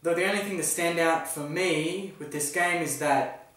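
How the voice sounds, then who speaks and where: Speaking at a normal speed in a slightly bright voice on the high side, an Australian man previews the football round for his footy-tipping vlog. He's casual and opinionated, joking about himself, and the distant mic picks him up in an echoey room.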